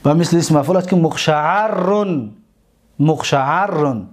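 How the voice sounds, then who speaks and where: Man, Tajik accent, high voice, grammar lecture, slow repeated word drills. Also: expressive. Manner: drills word forms slowly, repeating each aloud. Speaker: teacher.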